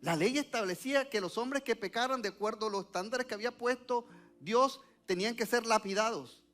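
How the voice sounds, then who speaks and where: High-pitched guy preaching a sermon, keeps quizzing the congregation. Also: a little fast, a bit bright, soft background music. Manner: asks the congregation questions and lets them answer. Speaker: pastor. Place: church before a congregation.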